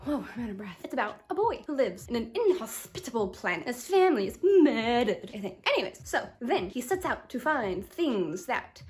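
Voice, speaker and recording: A woman book vlogger in casual chat, playful and full of jokey self-mocking asides. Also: on the high side.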